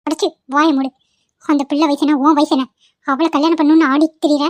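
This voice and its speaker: An old cartoon grandmother, voiced by a woman with a high, quavering voice. She pleads and scolds by turns with motherly force. The sound is dry and close, with no room around it. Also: level tone, fast, no room sound, natural voice. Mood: scolding. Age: older. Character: tearful old grandmother, stern with her son. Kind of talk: cartoon voice acting.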